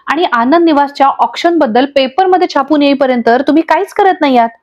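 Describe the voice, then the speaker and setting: A woman's voice: high-pitched, fast, a little mellow, muffled recording, lightly acted. A woman voicing a distraught young wife who pleads and accuses through tears in a storybook recap. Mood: tearful, angry. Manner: pleading, accusing, breaking into sobs.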